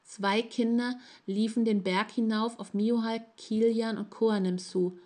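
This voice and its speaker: A woman narrating a fantasy story in a calm, measured way. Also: on the high side. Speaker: audiobook narrator.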